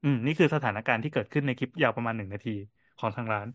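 A man co-hosting a casual podcast, telling cafe stories in a quick, animated way with lots of fillers. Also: mid-range voice, no room sound. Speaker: podcast co-host and cafe owner.

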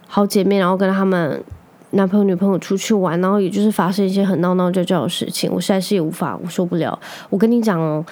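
A woman hosting a podcast alone, chatting casually and telling stories with lively quoted outbursts. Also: medium pitch. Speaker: podcast host. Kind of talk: casual solo chat.

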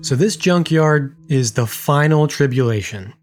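A podcast co-host in their thirties, reading a scripted film recap with wry, dramatic flair and breaking into casual chat between passages. The voice sits at a middling pitch. A little music runs softly underneath. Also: expressive, measured pace. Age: 30s.

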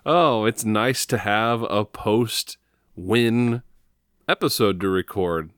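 A man co-hosting a casual sports fan podcast, talking in a relaxed, halting way with plenty of fillers. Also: lowish voice, clean tone, no room sound, clean studio sound. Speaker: podcast co-host.

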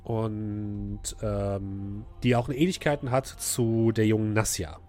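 A man narrating a tabletop fantasy game as game master, telling the story descriptively and haltingly. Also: lowish voice, fairly even intonation, darkish tone, faint music behind.

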